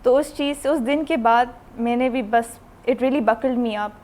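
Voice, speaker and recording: A woman polo player speaks as a guest on a TV talk show. She shares her experiences in an earnest, reflective way. Her voice sits fairly high. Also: darkish tone. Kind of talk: casual interview storytelling.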